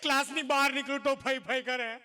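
A man's voice: very high-pitched, fairly even intonation, fairly quick, bright, forceful tone, heavily acted. A man voicing a schoolgirl who whines to her teacher through sobs, in a comic stage story. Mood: tearful whining. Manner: whiny, sobbing complaint.

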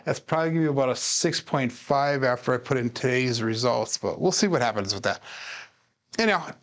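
A man's voice: mid-range voice, expressive, a little fast. A tired man in casual solo commentary, coaching himself and chatting with viewers between dice throws, laughing often. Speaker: craps practice streamer.

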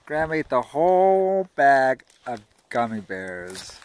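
In his thirties, a father vlogs a family camping trip in the woods, holding the camera at arm's length and chatting with his small kids in casual narration. His mid-range voice is very animated yet slow, with a darkish tone and a slight hiss or hum in the recording.

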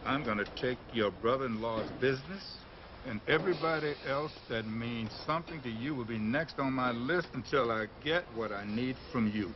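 A man doing smug threatening agent, taunting menace, dull lo-fi TV sound, steady hiss. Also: mid-range voice, moderate pace, lightly acted. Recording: dull lo-fi TV audio with noise.

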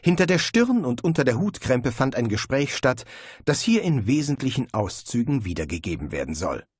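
A man reading a comic fantasy audiobook in scripted narration, expressive in his storytelling. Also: mid-range voice, normal speed, slightly rough, dry recording, clean studio sound.

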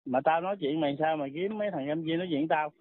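A man's voice: fairly high pitch, fast, no echo. A man arguing heatedly on a phone call, blunt, insulting and threatening. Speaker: caller. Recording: tinny phone line, dry.

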